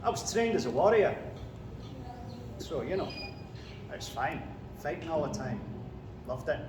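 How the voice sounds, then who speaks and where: A man's voice: on the high side, sing-song, a little slow. A man playing a battle-hardened medieval warrior king in improvised role-play, speaking tersely and matter-of-factly. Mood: blunt, grim. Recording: echoey room with clear background noise.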